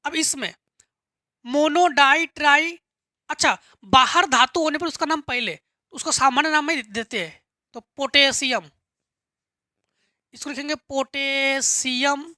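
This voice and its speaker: A woman with a high, bright voice teaches chemistry. She works through each step patiently, asking a question and then answering it herself. The recording is close and dry. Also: lively intonation, moderate pace, pauses often, no echo. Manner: patient, asks and answers her own questions, repeats key words. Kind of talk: classroom lesson explaining step by step.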